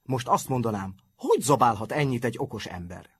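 A man's voice: mid-range voice, very animated, husky. A man doing a sarcastic, clever schoolboy. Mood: mocking. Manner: scornful, mocking.

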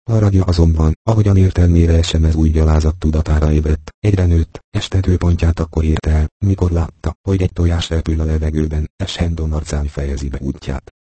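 A man narrating an audiobook in a steady, measured storytelling manner. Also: rumbling low, slightly rough, dry recording. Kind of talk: scripted narration.

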